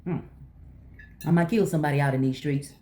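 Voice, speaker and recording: A middle-aged woman chatting casually to viewers while eating, telling stories in an animated way and acting out conversations. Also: sits low, fairly quick, background noise. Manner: talking while eating breakfast. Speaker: vlogger.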